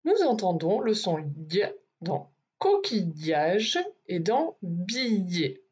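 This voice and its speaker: Woman teacher, phonics lesson for small kids, slow and lively in pitch, slightly husky, dull lo-fi sound. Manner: slow, deliberate, over-articulated sounds. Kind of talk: phonics lesson for young children.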